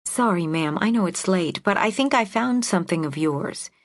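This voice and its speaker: A woman's voice: lowish voice, expressive, moderate pace. A woman narrator voicing a young woman who speaks politely and hesitantly on the phone. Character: young woman, curious and nervous.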